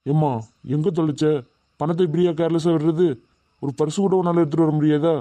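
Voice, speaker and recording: A man voicing a strict middle-aged college lecturer in an animated cartoon, scolding students and demanding answers. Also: fairly high pitch, brisk, no echo, close to an everyday voice. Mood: stern.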